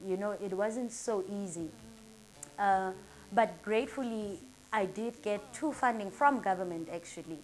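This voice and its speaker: A woman's voice: medium pitch, measured pace, darkish tone. Earnest South African woman in her thirties. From Durban, South Africa. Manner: earnest, upbeat and motivational. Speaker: salon owner. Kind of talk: casual interview answers.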